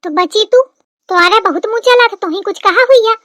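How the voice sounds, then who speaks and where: A woman's voice: very high-pitched, a little fast, a bit bright, dry recording, studio quality. A woman voicing a nagging older village mother-in-law with a Kanpuri accent, questioning and accusing. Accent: Kanpuri rural Hindi. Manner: accusing, interrogating.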